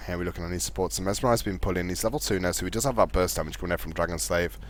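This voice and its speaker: A man casting a live video game match, fast play-by-play with a fairly steady delivery. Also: deep voice, a little hiss or hum. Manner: fast, chatty play-by-play talking to co-caster; calls his own voice monotone. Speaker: esports caster.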